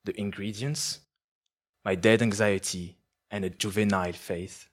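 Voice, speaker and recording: A man with a fairly low voice reads his own literary prose in a measured, poetic cadence. When he answers questions afterward, he turns halting and restarts his sentences. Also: fairly even intonation. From France. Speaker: author. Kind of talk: literary reading and interview answers.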